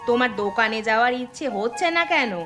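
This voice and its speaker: A woman's voice: fairly high pitch, quick pace, fairly bright tone, faint music behind, lightly acted. A woman voicing a fussing, scolding middle-aged wife and mother in a dubbed cartoon. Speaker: cartoon voice actor. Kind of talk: cartoon dubbing.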